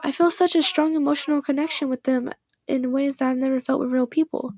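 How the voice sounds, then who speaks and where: A woman reads a shy, bookish teenage girl who stumbles over her words and apologizes. The voice is soft and hesitant, a touch high, recorded close and dry. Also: steady tone, a little fast, dry recording. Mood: earnest. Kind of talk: reading game dialogue aloud.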